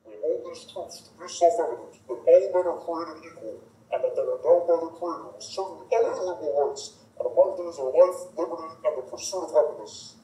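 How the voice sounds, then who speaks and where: A man speaking and singing with his voice deepened by inhaled sulfur hexafluoride, recited slowly in a science demonstration video. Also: dark tone. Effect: voice made deep by inhaled sulfur hexafluoride. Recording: roomy, distant sound from a played video.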